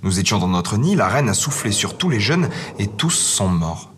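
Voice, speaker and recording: A man's voice: on the low side, very animated, normal speed, a little hiss or hum. A man voicing a pair of cooing wood pigeons telling a sad tale in a storybook reading. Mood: mournful. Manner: cooing, mournful.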